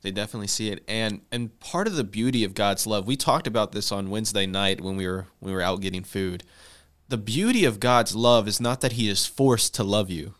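A man's voice: brisk, a bit bright. Give me an earnest man on a Bible talk. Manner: earnest, rises in pitch when stressing a point. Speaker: co-host.

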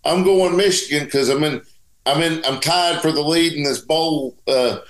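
A man with a somewhat high voice gives casual sports commentary as a co-host. He is emphatic, repeating phrases to hammer home his point. The recording has a clear room echo. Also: moderate pace. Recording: roomy, echoing sound.

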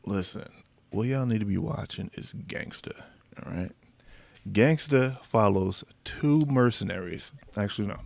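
A man's voice: on the low side, a little slow, creaky, darkish tone, no echo. A man co-hosting a casual podcast chat in a laid-back, slangy way. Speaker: podcast co-host.

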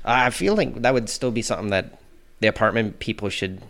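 A man co-hosting a casual podcast, telling anecdotes in an animated way and acting out the quotes in them. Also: fairly low pitch, fairly quick, gravelly. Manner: animated storyteller who acts out quotes. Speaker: podcast co-host.

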